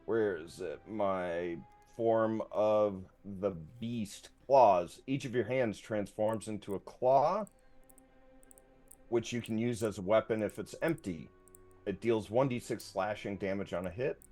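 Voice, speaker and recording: A man's voice: fairly low pitch, unhurried, warm tone, faint music behind. A man playing a tabletop role-playing game, chatting casually in a playful, jokey way.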